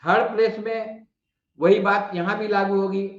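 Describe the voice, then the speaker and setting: A man with a Bihari Hindi accent teaching a shorthand lesson, patiently repeating vowel sounds and explaining slowly. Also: high voice, steady tone. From India. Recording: muffled, echoey room.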